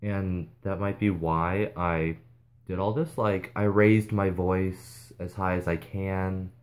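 A vlogger speaking to viewers in a casual, earnest way, hesitating often and restarting sentences. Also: male voice, low voice, steady tone, slow. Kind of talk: casual advice vlog.

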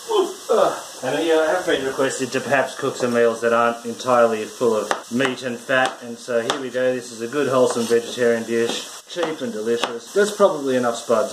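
A man's voice: mid-range voice, background noise. A man in his thirties hosting a casual home cooking video, chatty and irreverent, swearing lightly as he chops and stirs in a small kitchen. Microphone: camera mic filming from a few feet away. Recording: echoey kitchen with loud cooking clatter. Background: clattering pots, pans and dishes.

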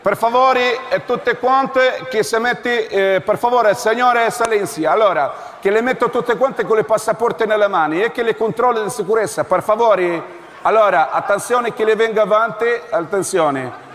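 A man's voice: high voice, normal speed, fairly bright tone, pitched above the performer's own voice. A man voicing a fussy, officious male airport security guard who speaks broken Italian and keeps repeating his demands, on a live stage. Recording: live theatre stage, echoing, audience.

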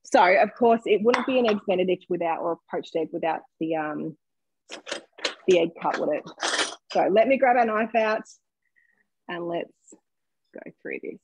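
A woman's voice: on the low side, lively intonation, normal speed, pauses often, lo-fi sound, background noise. A young woman presenting a live online cooking demonstration from her home kitchen, upbeat and chatty as she invites viewers to comment. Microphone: webcam on a video call.

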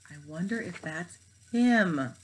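Brief: a woman playing a strict teacher, measured and proper, storybook reading. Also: lowish voice, expressive, breathy edge, full character voice, low-quality recording. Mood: stern. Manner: stern, proper. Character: stern middle-aged female homeroom teacher.

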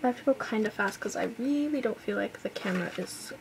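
A woman's voice: medium pitch, quick pace, background noise. A young woman vlogging an album unboxing at home, gushing and exclaiming, sometimes dropping to a whisper. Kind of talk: excited unboxing chatter.

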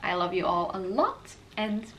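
A woman's voice: mid-range voice, big pitch swings, measured pace. A woman, hosting a knitting podcast and rambling casually from her apartment with hesitant fillers.

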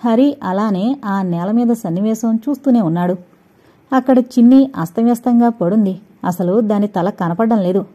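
A woman narrates a suspense audio novel in a steady, scripted storytelling manner. Her voice is very dark and mellow, and the recording sounds dull and lo-fi. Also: medium pitch, moderate pace.

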